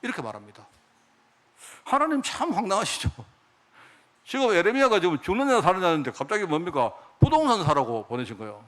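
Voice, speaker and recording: Lively pastor, animated sermon. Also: male voice, high voice, brisk. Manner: lively, conversational preaching with rhetorical questions to the congregation; acts out God's and others' speech in quoted lines.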